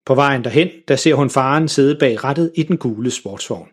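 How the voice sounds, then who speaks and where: Husky man reading a kids' story. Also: medium pitch. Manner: lively, expressive storytelling.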